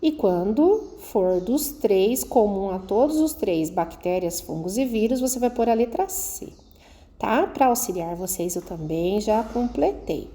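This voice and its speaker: A schoolteacher with a mellow, medium-pitched voice and lively intonation leads a recorded science lesson for children. Unhurried and patient, she works through the exercises step by step, checking in with her pupils along the way.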